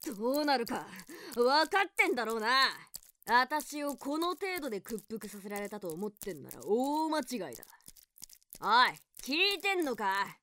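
A woman voicing a defiant, foul-mouthed captive young woman in an adult audio drama, talking rough and coarse, with stammers and panting between words. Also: fairly high pitch, very animated, unhurried, bright, forceful tone, exaggerated voice. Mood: snarling, defiant. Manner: rough, coarse street talk, snarling threats.

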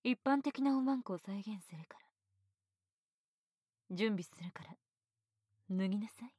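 A woman voicing a teasing, domineering female teacher in a whispered roleplay, speaking in a soft, breathy, bossy way. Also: mid-range voice, unhurried, no room sound, clean studio sound, natural voice. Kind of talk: erotic ASMR roleplay.

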